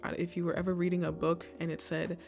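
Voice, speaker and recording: A woman's voice: on the low side, little pitch movement, fast talker, creaky, a little mellow, faint music behind. A young woman casually giving college essay advice, chatty and full of "like"s and restarts. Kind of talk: casual advice talk to camera.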